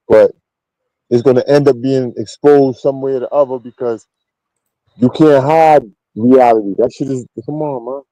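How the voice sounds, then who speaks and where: Blunt New York man, dark dry voice. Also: medium pitch, no room sound, rough recording. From Queens, New York. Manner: blunt, slangy, emphatic. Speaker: interview guest. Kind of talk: casual street storytelling.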